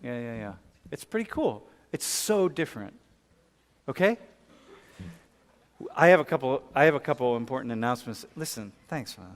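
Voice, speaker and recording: A man's voice: mid-range voice, lively intonation, moderate pace, long pauses. A male professor lecturing a class in a casual, conversational way, full of fillers and restarts. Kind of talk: classroom lecture with student questions. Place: large lecture hall. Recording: long hall reverb.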